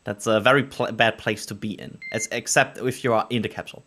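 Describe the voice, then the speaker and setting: A man's voice: on the low side, fairly even intonation, brisk, fairly bright tone. A man hosting a livestream with casual, hesitant live launch commentary. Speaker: livestream host.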